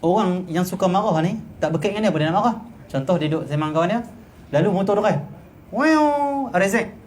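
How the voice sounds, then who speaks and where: Quick Kedah-accented male teacher, acts out grumpy people, faint room hum. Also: sits high. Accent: Kedah Malay. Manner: lively, acts out grumpy people in raised voices. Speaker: religious teacher. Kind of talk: religious class lecture. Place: private home study class.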